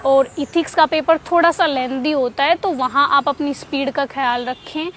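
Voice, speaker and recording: A woman's voice: sits high, normal speed, a little hiss or hum. A woman giving casual, conversational study advice with frequent fillers and restarts, as someone who passed the exam.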